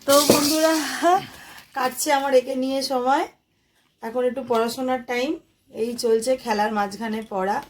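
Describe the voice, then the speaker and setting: Young indian mom vlogging from her kitchen, highish voice, chatty, sweet-talking her toddler. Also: steady tone, normal speed, slight background noise. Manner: chatty, addresses viewers as friends, coaxing baby talk with her toddler. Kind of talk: casual home vlog.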